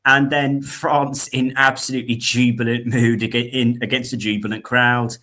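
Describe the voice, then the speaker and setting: A young man co-hosting a casual sports podcast, animated and dramatic, mocking himself. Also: mid-range voice, normal speed. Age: young adult. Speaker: podcast co-host.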